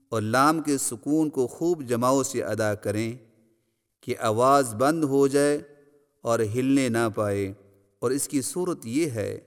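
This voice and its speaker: A man teaching recitation, slowly chanting each syllable and word for the learner to repeat, with quick spoken instructions between the drills. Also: mid-range voice, clean tone, big-room sound.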